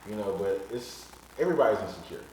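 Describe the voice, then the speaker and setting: A man's voice: lowish voice, lively intonation, fast, a little mellow, recorded from a distance. A man in his thirties, a podcast guest talking frankly and bluntly in casual chat, swearing casually. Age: 30s. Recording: echoey room, off-mic, faint noise.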